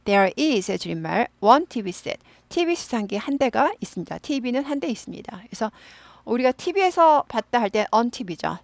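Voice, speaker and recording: A woman teaching English in Korean, explaining grammar patiently and slowing down to model English phrases for repetition. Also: a little high, big pitch swings, gravelly, dry recording. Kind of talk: online English lesson.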